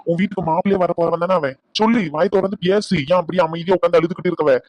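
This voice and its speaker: An outspoken young nephew from a cartoon family drama, voiced by a man. He scolds in a quick, insistent voice. The recording is dry and close. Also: high-pitched, fairly even intonation, darkish tone, no room sound, dull audio, close to an everyday voice. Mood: scolding.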